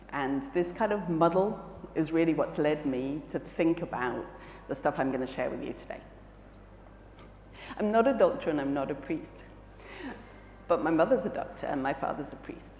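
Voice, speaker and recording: A woman from Malawi with a mixed British and South African accent gives a keynote presentation on a large conference hall stage, sounding jet-lagged, earnest, and reflective, with many fillers and restarts. Her voice sits low with a darkish tone. The hall is echoey, with faint ambience and a little hiss or hum.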